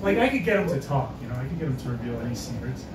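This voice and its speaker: On a comedy club stage, a man from the Boston area fires off a wry, self-deprecating stand-up routine in a mid-range, highly animated voice, stumbling through many hesitant fillers. The background is noisy, and the echoey audio was picked up from afar.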